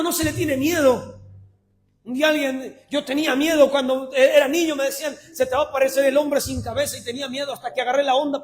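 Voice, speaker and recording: A man preaching a sermon, swinging between shouted passionate lines and low conversational asides.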